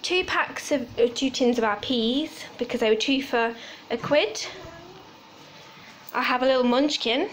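A young woman from the UK talks through her shopping in an easy, chatty way, moving from item to item with little asides. Her voice sits a touch high. A faint hiss runs under the phone recording in a home kitchen. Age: 20s. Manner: chatty, unhurried, listing items with small asides. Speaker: vlogger. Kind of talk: casual grocery haul chat.

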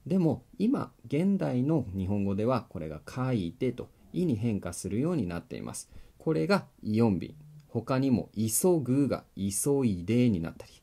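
A man's voice: lowish voice, warm tone, breathy edge. A man teaching a grammar video lesson, explaining step by step in a friendly way and checking in with the viewer as he writes on a board. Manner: writes on a board while talking.

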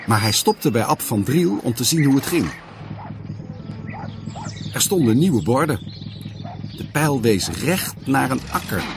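A man's voice: medium pitch, very animated, a little slow, creaky, pauses often, background noise. A man narrating a children's cartoon in a scripted storytelling voice.

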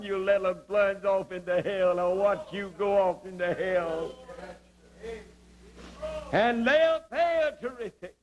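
A male evangelist giving an impassioned testimony sermon. He swings between quiet moments and shouting and draws out his phrases for emphasis. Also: sits high, a little hiss or hum, rough recording.

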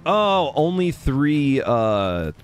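Animated young man streaming a game. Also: fairly high pitch, extremely slow, slight background noise. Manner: animated, thanks viewers for gifts as he plays. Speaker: livestreamer. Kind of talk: casual livestream gaming commentary.

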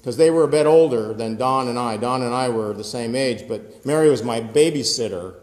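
A pastor, a man in his fifties, gives a conversational sermon with gestures and asides in a high-ceilinged sanctuary. His mid-range voice has a darkish tone and a moderate pace. It's filmed close up on a phone pointed upward, with the church's long reverb echoing throughout.

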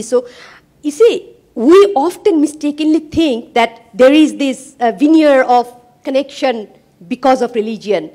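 Her voice on the high side and a little mellow, a middle-aged woman professor speaks emphatically, with plenty of fillers, during a roundtable discussion. She uses a handheld mic in a conference hall.

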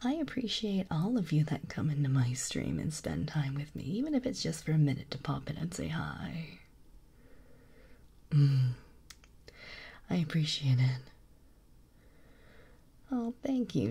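Soft slow whispery lady streamer, mellow tone, sweet with her chat. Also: low voice, sing-song, gravelly, husky. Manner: gentle, affectionate, reads chat aloud. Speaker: ASMR streamer.

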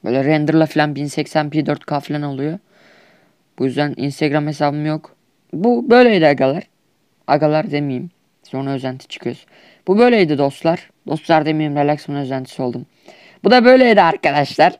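A man's voice: on the high side, fast talker, smooth, no room sound. Whiny Turkish gamer guy, dry mic. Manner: whiny, exasperated trash talk. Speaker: gaming YouTuber. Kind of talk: comedic skit over gameplay.

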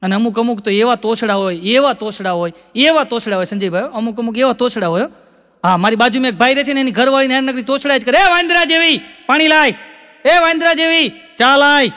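A high-pitched, bright Gujarati man spins folksy comic tales on stage. He voices both sides of every joke and repeats lines for effect. A long reverb hangs behind his voice. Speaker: stand-up comic.

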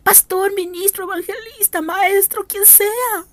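Woman preacher, high voice, dry close self-recorded audio, pleading and insistent. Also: steady tone, a little slow, no echo. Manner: fervent, pleading, repeats appeals. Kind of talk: recorded prophetic exhortation. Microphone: self-recorded audio message.

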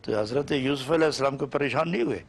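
A man's voice: mid-range voice, creaky. A man from Pakistan preaching a sermon lesson, speaking in rhythmic lists of short repeated phrases and pressing his points with emphatic rising questions. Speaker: Sufi preacher.

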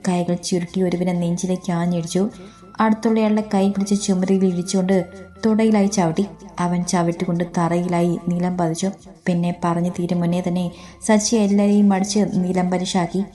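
A woman reading a story aloud as narrator in a steady, even way. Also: fairly low pitch, normal speed, faint music behind.

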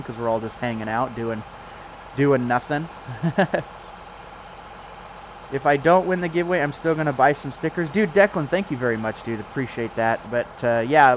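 A man's voice: medium pitch, noisy background. A man hosts a casual live game stream, his voice stuffed up and groggy from the morning. He rambles along with plenty of fillers, restarts and half-finished thoughts. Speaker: streamer playing a farming game with friends.

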